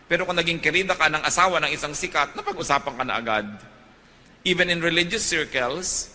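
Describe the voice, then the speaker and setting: A man's voice: medium pitch, bright, forceful tone. A middle-aged Filipino man preaching a sermon in a large theater, switching between Tagalog and English and rising to emphatic peaks. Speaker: pastor. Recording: long hall reverb, faint ambient noise.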